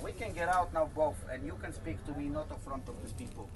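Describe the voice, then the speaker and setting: A man's voice: on the high side, fast. A man, arguing confrontationally and defiantly in public. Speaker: train passenger. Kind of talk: heated public argument. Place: inside a train carriage. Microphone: bystander's phone across the carriage. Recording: far phone recording, train noise.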